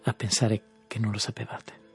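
A man reading an audiobook, voicing a proud, lovesick young man who speaks softly and insistently with a husky, breathy voice. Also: lowish voice, level tone, moderate pace, faint music behind, exaggerated voice. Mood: intense.

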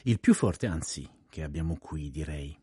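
A man doing a gentle, courteous detective. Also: rumbling low, animated, moderate pace, breathy edge, no room sound, studio quality, voice pushed down, full character voice. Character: courteous small middle-aged male detective.

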